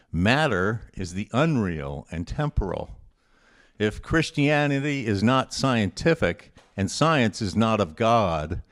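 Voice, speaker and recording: Running a quote guessing quiz for a group, a man with a fairly low voice reads each quotation out carefully. He keeps up a casual, chatty commentary between them.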